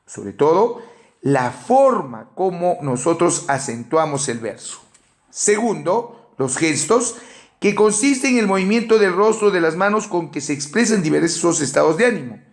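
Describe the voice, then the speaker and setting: A man with a Peruvian Spanish accent giving a measured academic lecture, working through a numbered list of points. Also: high-pitched, lively intonation. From Peru. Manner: measured explanatory delivery with enumerations and fillers. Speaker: teacher.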